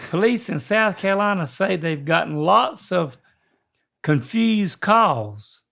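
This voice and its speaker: A man's voice: sits high, expressive, slow, gravelly, a bit bright. An older man with a Southern US accent, chatting casually as a co-host in a folksy, rambling drawl. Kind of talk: casual chat.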